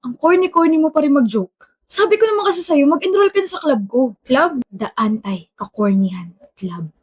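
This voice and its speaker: Brief: woman for comedy skit dialogue, playful and teasing, slightly high pitch. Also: sing-song, normal speed, a little mellow. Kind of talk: acted romantic comedy skit.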